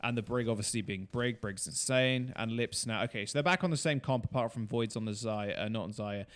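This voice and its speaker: Dude streamer cursing thru a game replay breakdown, hypes up on big plays, mid pitch. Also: male voice, brisk. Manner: swears often, excitable reactions. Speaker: esports streamer and analyst. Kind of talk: casual game replay commentary.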